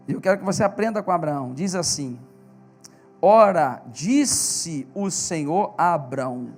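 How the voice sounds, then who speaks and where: A male pastor with a Brazilian Portuguese accent preaching in church, telling stories with animation and emphasis. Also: high voice. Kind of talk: sermon.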